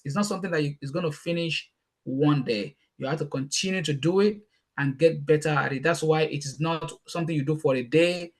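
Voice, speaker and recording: A Nigerian man whose first language is Yoruba answers questions as a guest speaker on a panel, with a Nigerian accent. He talks fast and emphatically in a slightly high voice, repeating words when excited.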